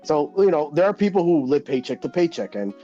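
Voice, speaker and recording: A man's voice: a little high, sing-song, fairly quick, dark tone, faint music behind. A man hosting a gaming livestream, talking bluntly with lots of swearing and laughter. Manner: blunt, profane, laughing rants. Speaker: livestream host. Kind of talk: casual gaming chat. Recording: dull lo-fi stream audio.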